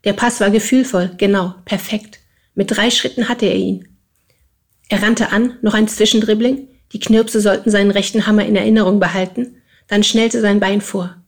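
A woman narrating an audiobook with a steady storytelling delivery. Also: mid-range voice, normal speed. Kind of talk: audiobook reading.

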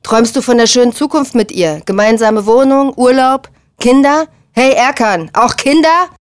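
A woman voicing a violent, jealous young man who taunts and shouts insults. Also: a little high, normal speed, clear, resonant tone, no echo, clean studio sound, pitched above the performer's own voice, lightly acted. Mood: mocking.

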